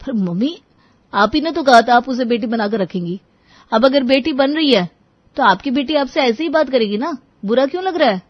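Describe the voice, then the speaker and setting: A woman's voice: sits high, lively intonation, normal speed, no echo, lo-fi sound, pitched above the performer's own voice. A woman voicing a sensible young sister-in-law who reasons earnestly. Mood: reasoning.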